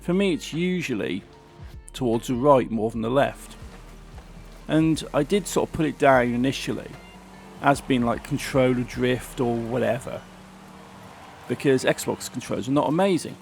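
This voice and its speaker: A gaming channel host with a sore throat chats casually while playing a racing game, grumbling about it as he comments. His medium-pitched voice has vocal fry and a moderate pace, with faint music in the background.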